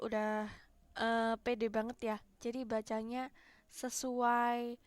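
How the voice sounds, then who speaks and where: A woman's voice: a little high, no room sound. Chatty woman teaching English online. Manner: chatty, encouraging. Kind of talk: casual online class. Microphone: online meeting microphone.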